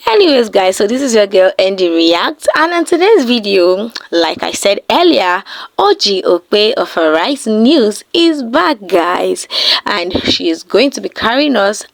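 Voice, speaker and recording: A woman's voice: medium pitch, big pitch swings, a little slow, vocal fry, no room sound. A woman hosting her reaction channel, chatting casually to her viewers and calling them "guys" again and again. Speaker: reaction vlogger. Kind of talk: casual reaction-video chat.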